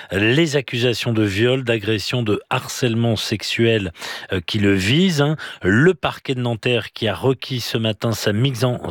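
A man's voice: medium pitch, no room sound, studio quality. A man presenting radio news in a composed, lightly conversational way. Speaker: news anchor.

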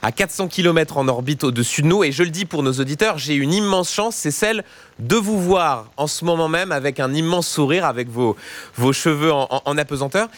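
A man's voice: fairly high pitch, a little fast, no echo. A man interviewing live on radio, repeating words as he goes.

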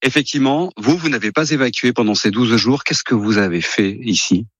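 A man's voice: mid-range voice, a little fast, breathy edge, no echo, dull audio. A man on a live news report from a fisherman's hut, his voice coming through half robotic and glitchy, hesitant with fillers. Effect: half robotic, glitchy voice line. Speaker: field reporter.

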